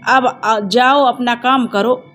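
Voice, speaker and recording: Lady doing a gruff young village guy, scolds a lot but cares, bit high voice. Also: steady tone, slow, a bit bright. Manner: brusque, scolding.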